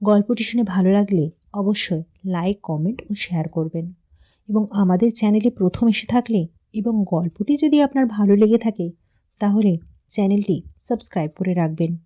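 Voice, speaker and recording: A woman narrating a classic short story in a calm, even reading voice. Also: mid-range voice, moderate pace.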